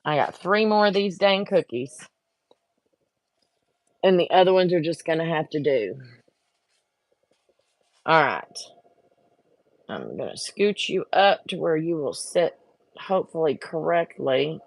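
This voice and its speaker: With a low, sing-song, unhurried voice and long pauses, a craft vlogger chats casually with viewers as she works on a craft, growing frustrated and talking to herself. The recording is dry.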